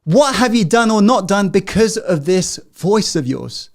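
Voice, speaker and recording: Dramatic motivational man, high-pitched. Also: sing-song, measured pace. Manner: dramatic, swings between loud emphatic and hushed intimate delivery; rhetorical questions and direct audience prompts. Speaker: motivational speaker hosting a masterclass. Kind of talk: live motivational masterclass talk.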